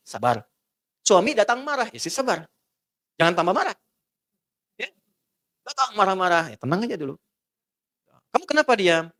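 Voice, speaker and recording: Lively relaxed male preacher. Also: high voice. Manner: relaxed, joking lecture with acted dialogue. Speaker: Islamic preacher. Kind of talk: sermon.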